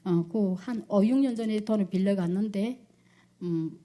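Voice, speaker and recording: A middle-aged woman with a North Korean accent telling her personal testimony, acting out quoted speech loudly with rising intensity. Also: medium pitch. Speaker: church deaconess giving testimony.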